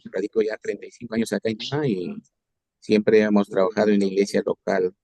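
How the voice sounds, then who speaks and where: A man's voice: lowish voice, steady tone, fairly quick, creaky, mellow, dry recording. A man giving a formal self-introduction on a video call. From Peru. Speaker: church counselor student.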